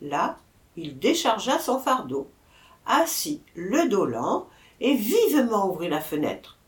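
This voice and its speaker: A woman reading a folk tale aloud with animated storybook narration and dramatic pauses. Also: medium pitch, reverberant. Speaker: audiobook reader.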